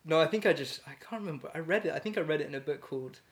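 A man with a somewhat high voice speaks rapid-fire and animated as a poet being interviewed, in a casual, reflective conversation. With roots in Ecuador and England, he's thoughtful and hesitant, full of fillers and restarts, and laughs easily.

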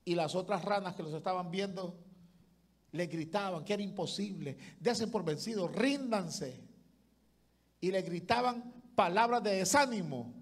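A man preaching. He delivers an impassioned sermon as pastor, rising to loud calls and dropping to hushed asides. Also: high-pitched, normal speed.

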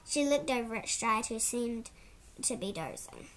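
A woman narrating a children's storybook in a measured, clear way. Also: a little high, expressive, a bit bright.

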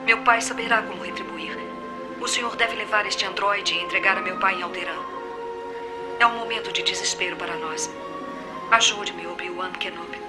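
A woman's voice: mid-range voice, moderate pace, loud music behind the voice, natural voice. A woman voicing a pleading young princess. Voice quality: earnest, formal and pleading. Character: young princess sending a desperate recorded plea. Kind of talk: dubbed film dialogue. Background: film score.

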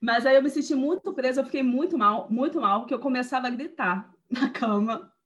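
Woman, a bit high-pitched, lively casual storyteller, full of slang. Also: fairly quick, muffled recording. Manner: animated, slangy, laughs while telling.

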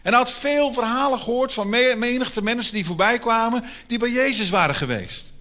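High, bright-voiced male preacher. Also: brisk. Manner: animated storytelling preaching. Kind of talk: sermon. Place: church.

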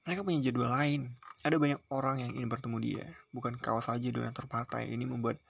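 An irritated male political fixer scolds down the line in a storybook reading, voiced by a man. The voice is gravelly and rolls along quickly with a reproachful edge. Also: medium pitch, level tone. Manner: reproachful, complaining.

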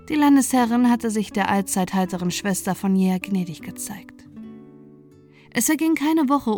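A woman storyteller reading a fairy tale as a calm, soothing bedtime story. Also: medium pitch.

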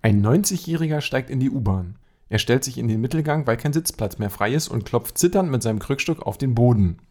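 A man co-hosting a podcast, chatting casually and telling jokes of his own in a relaxed way. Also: mid-range voice, a little fast. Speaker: podcast co-host. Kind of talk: casual joke-telling chat.

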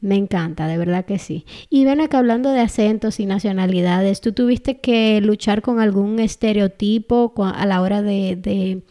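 A woman's voice: mid-range voice, normal speed, few pauses, dark tone. A woman hosting an interview, curious and stacking up follow-up questions. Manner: curious, asks layered questions. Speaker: interview host. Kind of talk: casual interview chat.

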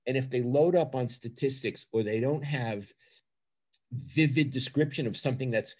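Older male, Brooklyn accent, mid-pitched voice, journalist giving interview answers, punchy emphatic phrasing. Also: normal speed, a little mellow. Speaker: sports journalist.

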